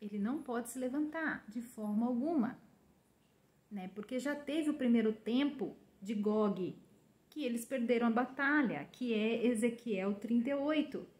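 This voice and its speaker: A woman's voice: a little high, measured pace, darkish tone, reverberant. A Brazilian woman preaching informally to her followers in a chatty way, often tagging "né?" and laughing. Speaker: religious preacher. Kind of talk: informal prophetic sermon to online followers.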